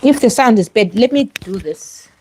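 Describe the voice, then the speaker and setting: A woman's voice: on the high side, lively intonation, normal speed, a little mellow, slight background noise. A woman live streaming visa advice; her microphone sound is fuzzy and distorted, and she speaks in a direct, emphatic way that repeats itself. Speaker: vlogger giving visa advice. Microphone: clip-on microphone, later removed.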